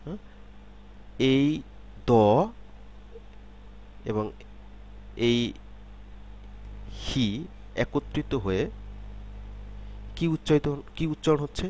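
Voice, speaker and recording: Guy teaching pronunciation real slow, says each sound a few times, keeps asking if you got it. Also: mid-range voice, expressive, a little mellow. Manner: repeats example sounds and asks checking questions. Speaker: language teacher. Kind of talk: step-by-step pronunciation lesson.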